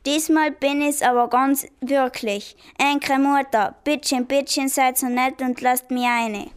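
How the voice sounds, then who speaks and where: A woman's voice: very high-pitched, unhurried, a bit bright, pitched above the performer's own voice. A woman voicing a sneaky male broccoli villain in a comic story, putting on a fake sweet, stumbling plea. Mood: wheedling. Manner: fake sweet pleading, stumbling over words.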